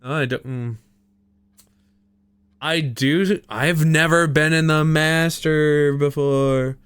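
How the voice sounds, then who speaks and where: A man's voice: on the high side, steady tone, slow, fairly bright tone, clear, resonant tone, dry recording. A young man streaming a puzzle game, thinking aloud in a chatty, giggly way. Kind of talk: live gameplay commentary.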